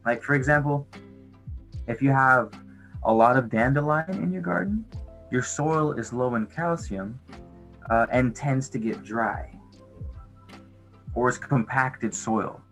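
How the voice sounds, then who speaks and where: A man's voice: mid-range voice, slow pace, long pauses, fairly bright tone, faint music behind. A man hosting a casual livestream, rambling in a laid-back, slangy stoner way with some swearing. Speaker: livestream host chatting with viewers.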